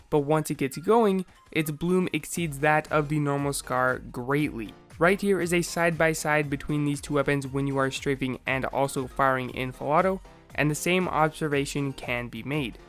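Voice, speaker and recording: Higher-voiced man, slightly raspy from sore throat. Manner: explanatory, methodical. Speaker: video game explainer host. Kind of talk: scripted narration, game analysis.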